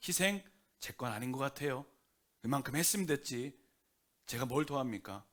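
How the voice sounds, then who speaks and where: A man preaching a Sunday sermon as pastor, conversational and lively, often acting out quotes. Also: mid-range voice, normal speed. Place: church sanctuary.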